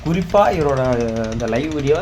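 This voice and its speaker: A man's voice: on the high side, expressive, fairly quick, a little mellow. Tamil nadu guy ranting like a youtube commentator, scolding and repeating himself, some traffic noise behind. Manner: indignant, scolding; repetitive, emphatic. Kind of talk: critical commentary on another YouTuber.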